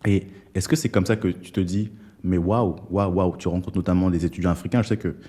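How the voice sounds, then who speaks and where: A man's voice: sits low, steady tone, a little fast, dark tone, slightly rough. A young man from Togo hosting an interview, speaking casually with frequent fillers and restarts. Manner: hesitant, many fillers and restarts. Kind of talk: conversational interview.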